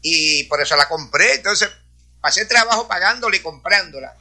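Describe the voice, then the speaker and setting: A man's voice: sits high, lively intonation, normal speed, pushed and bright. A man from Rico, giving a preaching testimony to a congregation and dropping hallelujahs and praise all through his talk. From Puerto Rico. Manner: peppers speech with hallelujahs and praise. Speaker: church speaker.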